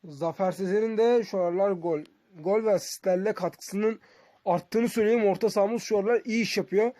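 A man's voice: high-pitched, normal speed, mellow, no room sound. A man giving casual, conversational game commentary to his viewers as a streamer. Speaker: gaming streamer.

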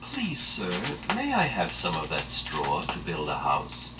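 A man doing a high polite little pig. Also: measured pace, heavily acted. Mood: pleading. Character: small polite male pig. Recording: distant mic with steady background noise.

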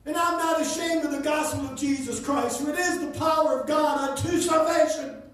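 A man preaching a sermon, telling a story with rising passion until he shouts. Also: very high-pitched, fairly even intonation, normal speed. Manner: impassioned, builds to shouting. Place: church sanctuary. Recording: echoey church from far off.

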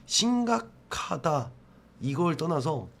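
A man's voice: a little high, sing-song, slow pace, vocal fry, a bit bright, a little hiss or hum. A man hosting a ghost investigation in a casual, joking, informal way with questions and commentary.

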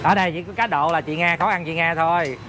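A man's voice: fairly high pitch, fast. A man with a southern Vietnamese accent bantering casually and jokily, often repeating his words. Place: outdoors by a street. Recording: noisy outdoor street with traffic.

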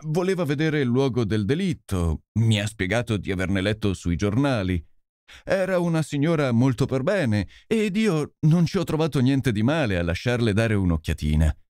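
A man's voice: mid-range voice, sing-song, moderate pace, a little mellow, dry recording, studio quality, natural voice. A man voicing a big, contrite police constable who pleads and apologizes for letting a stranger in. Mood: apologetic, pleading.

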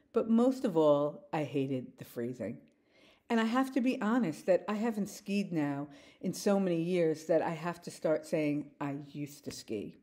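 Expressive woman in her sixties, mellow voice. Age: 60s. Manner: animated, gestures with her hands, shifts between upbeat and low wry asides. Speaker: vlogger. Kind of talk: reflective personal monologue. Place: living room with windows, indoors. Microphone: phone camera held close, looking down at her.

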